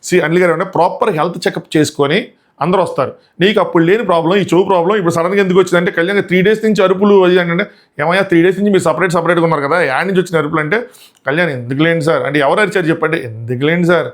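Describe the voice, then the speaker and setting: A man's voice: high voice, fairly even intonation, very fast. A man giving a casual spoken review of a TV show. He mixes in English phrases and acts out quotes from others.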